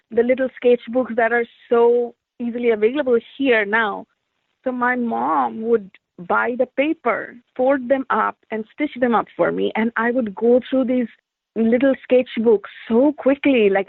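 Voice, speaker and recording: This woman's voice is on the high side, with no echo on the dry, tinny, phone-like line. She's an Indian artist and teacher appearing as an interview guest, reflectively telling life stories in conversational answers peppered with "like."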